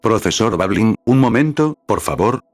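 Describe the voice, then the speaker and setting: A man's voice: lowish voice, lively intonation, moderate pace, no room sound, clean studio sound, soft background music. A man voicing a fussy, stiff teenage boy prefect who speaks in a prim, insistent way, in a storybook reading.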